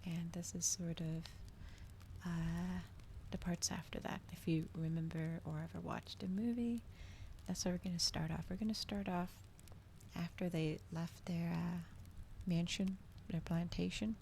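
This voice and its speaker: This soft-spoken ASMR livestream chat comes from a woman hosting a live reading, her lowish, creaky voice gentle and often slipping into a whisper. Her intonation is fairly even and her pace measured, and she talks to viewers casually but hesitantly. Recorded on an ordinary microphone rather than an ASMR one, the clip carries audible noise from a crackling fireplace.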